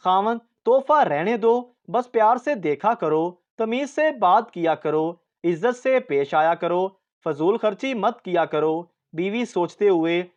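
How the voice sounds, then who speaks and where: A woman reading a series of short jokes aloud in a steady storytelling way. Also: medium pitch, a little slow, hardly any pauses, lo-fi sound. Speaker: joke reader.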